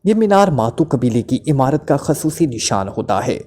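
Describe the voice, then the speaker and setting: A man's voice: mid-range voice, big pitch swings, normal speed, dark tone, natural voice. A man voices a terrified male club owner who stammers and trembles under interrogation, then talks on and on. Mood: talkative.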